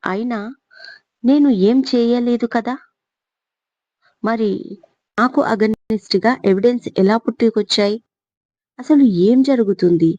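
A woman's voice: on the high side, warm tone, no echo, voice pushed up. A woman voicing a distraught young woman who speaks in an accusing, tearful way. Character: distraught young woman, bitter toward her mother. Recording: slightly dull lo-fi recording.

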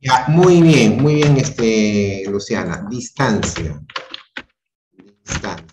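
A man's voice: fairly low pitch, extremely slow, echoey room, background noise. A male teacher giving an online class, patiently questioning and repeating his students' answers. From Peru. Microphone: video call.

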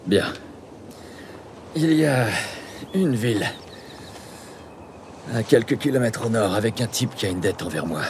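A stern hardened smuggler. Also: male voice, on the low side, lively intonation, unhurried, pauses often, a little mellow, slight background noise. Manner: curt, laying down rules. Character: stern hardened middle-aged male smuggler, commanding. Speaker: game character, French dub.

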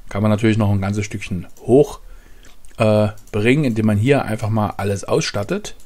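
A man's voice: on the low side, moderate pace, darkish tone. A middle-aged man hosting his own gaming channel, chatting casually at his desk and thinking aloud with lots of fillers. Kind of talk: casual game commentary. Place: home room at a desk.

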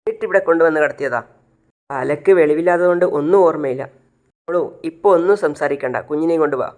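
A man's voice: fairly high pitch, clear, resonant tone, natural voice. A man voicing an older woman who soothes and placates while covering up a secret.

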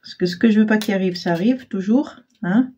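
A woman hosting a casual crafting tutorial, chatty and self-deprecating, full of fillers and clearing her throat often. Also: medium pitch, fairly quick, mellow, muffled recording, a little hiss or hum. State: frequent throat clearing, frog in throat. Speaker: crafting channel host.

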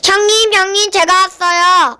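A woman's voice: very high-pitched, steady tone, measured pace, pushed and bright, no room sound, clean studio sound, exaggerated voice. A woman voicing a brave, earnest young shepherd boy in a children's Bible play. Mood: eager, questioning.

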